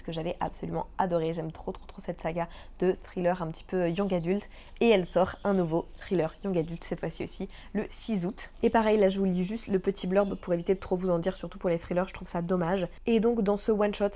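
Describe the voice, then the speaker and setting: A woman's voice: lowish voice, warm tone. A young woman chatting casually about upcoming books, enthusiastic and chatty, with frequent fillers and English book terms mixed in. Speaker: book vlogger. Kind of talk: casual chat.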